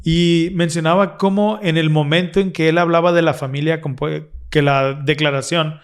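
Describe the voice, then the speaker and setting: A man's voice: on the high side, fairly even intonation, moderate pace, clean tone. A man co-hosting a casual religious discussion, explaining earnestly and restarting his phrases often. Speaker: podcast co-host.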